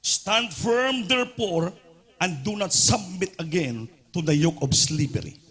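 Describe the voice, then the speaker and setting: A man from the Philippines preaching a sermon at an overnight prayer meeting, mixing Tagalog and English, calling out for responses from the congregation and shouting at the peaks. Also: high voice, lively intonation, slow pace, breathy edge. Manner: fervent call-and-response with the congregation.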